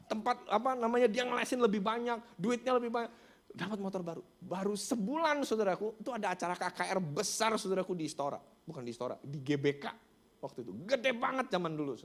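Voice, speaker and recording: A man's voice: high-pitched, expressive, quick pace. A man preaching a sermon, telling a story and acting out its dialogue while he keeps addressing the congregation. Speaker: pastor. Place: church sanctuary.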